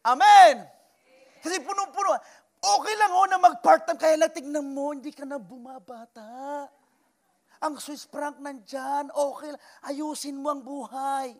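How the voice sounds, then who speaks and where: A man preaching a sermon in church as pastor, animated, with acted quotes and sudden shouts. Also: very high voice, unhurried.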